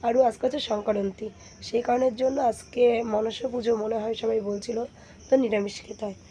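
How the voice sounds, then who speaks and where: A young woman, hoarse from a sore throat, chatting to viewers in a casual home vlog. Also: fairly high pitch, steady tone, fairly quick, slight background noise. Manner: chatty, addresses viewers warmly as friends. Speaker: vlogger. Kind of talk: casual daily-life vlog narration. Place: home kitchen and courtyard.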